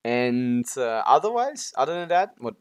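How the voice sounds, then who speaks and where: A video game streamer with a smooth, mid-range voice swings widely in pitch while keeping a moderate pace. His chat with viewers is casual and rambling, heavy on complaints and cursing.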